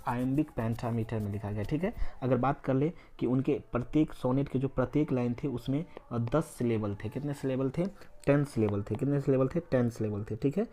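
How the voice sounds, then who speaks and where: This man speaks at a moderate pace in a mid-range voice with a dark tone. He's teaching literature for exam preparation, blending Hindi and English, repeatedly posing a question and supplying the answer himself while spelling out words letter by letter.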